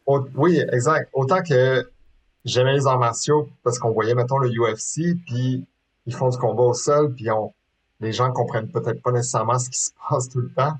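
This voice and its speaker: Speaking at normal speed with a medium pitch, a man in his thirties talks casually as a guest in an interview. He's a sport shooter from Quebec, Canada, with a Québécois French accent, and his speech is hesitant and riddled with fillers and restarts. Audio is poor.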